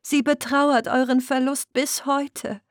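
A woman's voice: high voice, fairly even intonation, takes it slowly, dry recording, clean studio sound, voice pushed up. A woman voicing a young, devoted selkie woman who sobs and pleads, in an audiobook reading. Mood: pleading. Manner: sobbing, pleading. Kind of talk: audiobook character voice.

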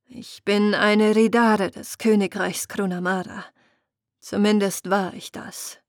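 A woman's voice: medium pitch, steady tone, slow, no echo, clean studio sound. A woman voicing a grim, proud young woman warrior who speaks hard and bitter, in an audiobook reading. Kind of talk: audiobook character voice.

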